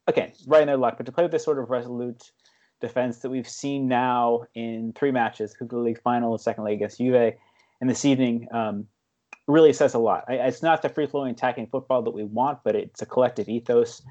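A man's voice: mid-range voice, fairly quick, mellow. Thoughtful male football pundit, dull audio. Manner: thoughtful, hesitant, many fillers. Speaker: football writer panelist. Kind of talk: casual podcast discussion.

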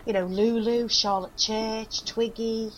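A woman's voice: on the high side, fairly even intonation, takes it slowly, muffled recording, slight background noise. A middle-aged woman being interviewed, chatting and reminiscing with frequent laughs and fillers. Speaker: guest, actress. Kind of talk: casual chat, reminiscing.

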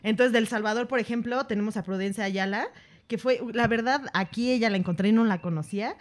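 A woman's voice: a little high, brisk. A woman with a Mexican accent co-hosting a casual podcast chat, slangy and chatty with frequent restarts. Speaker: podcast co-host.

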